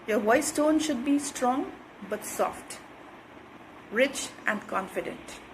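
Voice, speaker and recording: A woman's voice: on the high side, lively intonation, slow pace, slight background noise, rough recording. A woman giving an instructional talk on communication skills, repeating her points and checking in with "right?".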